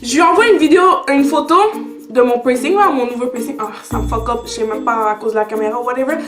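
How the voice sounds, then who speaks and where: High-voiced Québécoise teen vlogger, echoey. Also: female voice, quick pace, over music. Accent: Québécois French. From Canada. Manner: chatty, switching between French and English. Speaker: YouTuber. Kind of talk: casual chat to camera.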